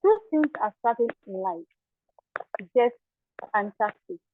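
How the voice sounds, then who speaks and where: A woman's voice: medium pitch, big pitch swings, slow, phone-quality sound, a little hiss or hum. A woman giving a prepared opening on an online call whose audio is choppy and keeps breaking up. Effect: choppy audio breaking up over a bad connection. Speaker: presenter moderating a panel. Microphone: online video call.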